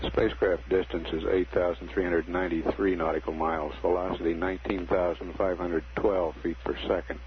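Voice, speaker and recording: Low, flat-voiced man on muffled mission radio. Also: brisk, hardly any pauses. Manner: deadpan, formal announcing. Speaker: mission control public affairs commentator. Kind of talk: measured live mission commentary. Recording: muffled 1960s space mission radio, noisy.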